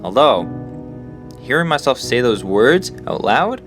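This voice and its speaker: In an audio drama, a mid-range-voiced actor plays an earnest, loyal, troubled teenage boy who speaks sincerely and plainly. He is very animated yet a little slow, the mood reflective and uneasy, with conversational delivery and music in the background.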